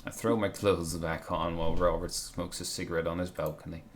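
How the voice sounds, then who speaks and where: On a live stream with faint background noise, a game streamer co-reads a visual novel aloud, his low voice brisk and flat. He keeps breaking off to drop wry remarks about the script.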